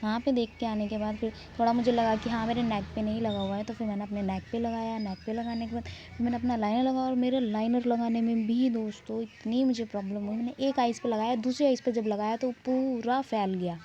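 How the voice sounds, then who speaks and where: A young woman talks through her day in a rambling, self-mocking vlog voice-over. Her voice sits a little high, with a mellow, fairly flat delivery. The recording is dull and lo-fi, with faint noise behind her. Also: brisk. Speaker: vlogger. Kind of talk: casual vlog voice-over narration.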